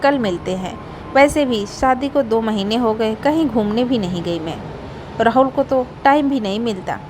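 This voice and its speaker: A woman's voice: fairly high pitch, expressive, normal speed, background noise, natural voice. Woman reading as a sly young wife. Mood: chatty. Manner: pleading, two-faced. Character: sly young wife, newly married, petty thief.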